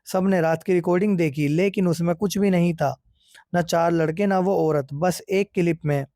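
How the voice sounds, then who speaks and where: Male horror narrator, high pitched, dark mellow tone, steady suspense. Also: no room sound, clean studio sound. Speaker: horror storyteller.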